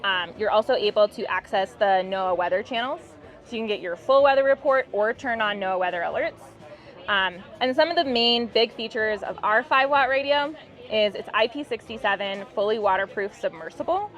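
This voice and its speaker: A woman with a mid-range, slightly bright voice and moderate pace explains her company's product in an interview, sounding upbeat and informal. Background music runs under the muffled, band-limited recording.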